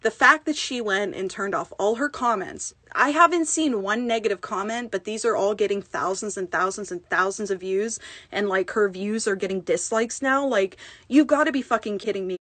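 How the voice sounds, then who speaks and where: A woman ASMR creator delivers an angry call-out, heated and upset, swearing heavily and stumbling through halting restarts as she sounds shaken. Her mid-range voice is a bit bright, with no echo.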